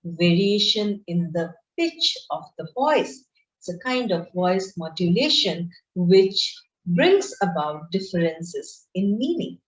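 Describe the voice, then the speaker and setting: A woman teaches an online class at an unhurried pace. Her pitch rises and falls a great deal as she explains each point. The recording sounds roomy and a little muffled. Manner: slow, deliberate and explanatory, with lively pitch. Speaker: lecturer. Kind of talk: online lecture. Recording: roomy, dull lo-fi screen-share recording.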